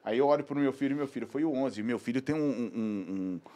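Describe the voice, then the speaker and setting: A man's voice: medium pitch, quick pace, dry recording. A man, a podcast guest telling anecdotes in casual chat and acting out the voices of people he quotes. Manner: animated, acts out quoted dialogue.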